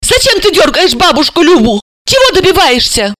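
A woman's voice: very animated, normal speed, a bit bright, no echo, clean studio sound, exaggerated voice. A woman reader voicing a frightened young woman who whines and pleads tearfully. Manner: high-pitched, whining.

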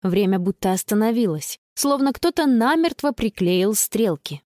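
A woman narrating a children's storybook in an expressive storytelling manner. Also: mid-range voice, normal speed, no echo, studio quality. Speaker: audiobook narrator.

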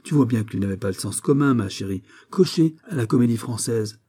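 A man's voice: medium pitch, lively intonation, a little fast, mellow, slightly rough. A man voicing an impatient husband who brushes off his wife's fears in a brusque, exasperated way. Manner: brusque, shrugging, mildly exasperated. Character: impatient, dismissive husband eager for the theatre.

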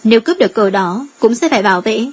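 A woman's voice: on the high side, expressive, quick pace, darkish tone, husky. Woman reading as a shrewd guild strategist. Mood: measured.

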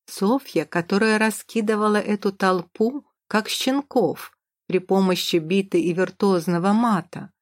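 A woman's voice: medium pitch, unhurried, no room sound, studio quality. A woman narrating a first-person novel in a dramatic, vivid storytelling manner. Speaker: audiobook narrator.

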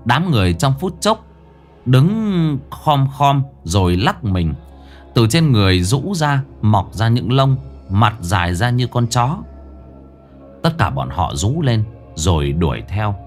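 A man's voice: mid-range voice, big pitch swings, slow pace. A man narrating a ghost story in a theatrical, swinging way. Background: faint music.

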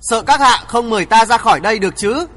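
A man reading aloud, voicing a bold young swordsman who speaks calmly, firmly and with respect. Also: very high voice, fast, long reverb tail, heavily acted. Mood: firm, respectful. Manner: calm, firm, respectful.

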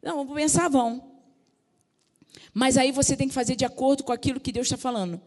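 A woman's voice: high voice, fairly even intonation, fairly quick, a little mellow. A woman pastor preaching a sermon, fervent, calling out to the congregation. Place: large church sanctuary. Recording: reverberant church hall.

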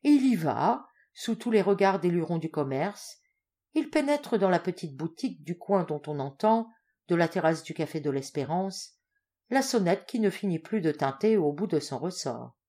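A woman narrating a literary audiobook with an expressive, animated delivery. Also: lowish voice, moderate pace. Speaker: audiobook reader.

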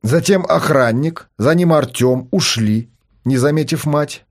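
A man narrating an audiobook with lively, expressive storytelling. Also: on the high side, unhurried.

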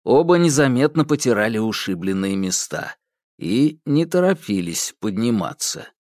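Give me a man reading a fairy tale with a lively, dry, close sound. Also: medium pitch, normal speed, no echo. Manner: expressive storytelling, acts out voices. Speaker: narrator. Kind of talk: audiobook narration of a folk fairy tale.

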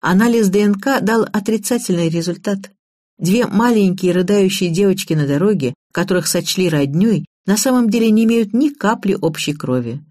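A woman narrating a first-person audiobook in an even, matter-of-fact way. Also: mid-range voice, moderate pace, no room sound, studio quality.

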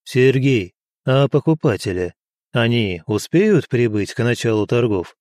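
A man voicing a lively, wry male aide. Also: medium pitch, measured pace, dry recording, studio quality, natural voice.

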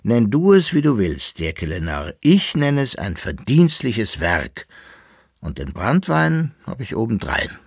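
A man's voice: fairly low pitch, huge pitch swings, measured pace, creaky, breathy edge, no room sound, studio quality, pitched above the performer's own voice, heavily acted. A man voicing a boastful, scheming old drinking companion who talks in a sly rhyming singsong, in an audiobook reading.

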